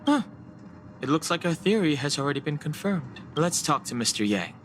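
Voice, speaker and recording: An actor playing a level-headed, studious young man in a video game, explaining things in a measured, analytical way. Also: fairly high pitch, sing-song, noisy background. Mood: focused. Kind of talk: scripted game dialogue acting.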